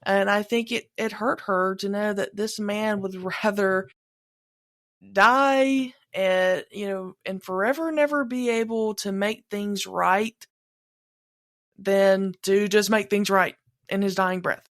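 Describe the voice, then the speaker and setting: A woman's voice: medium pitch, steady tone, slow, no echo, clean studio sound. A woman co-hosting a fan podcast, talking in a rambling, casual way with many fillers and restarts. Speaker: podcast co-host.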